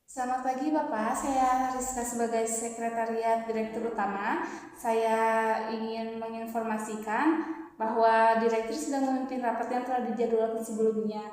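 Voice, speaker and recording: A woman plays a polite, deferential secretary in a workplace role-play. She has a fairly high voice and a formal customer service manner. The recording rings with heavy room echo and long reverb. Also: level tone, moderate pace, a little mellow, a little hiss or hum, lightly acted. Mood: courteous, apologetic.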